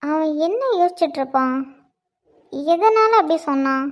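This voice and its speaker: A woman's voice: high voice, expressive, normal speed. A woman voicing a young scheming wife in a cartoon, pleading tearfully and then muttering slyly to herself.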